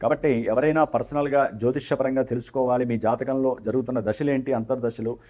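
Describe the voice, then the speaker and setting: A man's voice: mid-range voice, fairly even intonation, fast, mellow. A man speaking as an astrologer, giving a forecast with earnest advice and formal devotional phrasing.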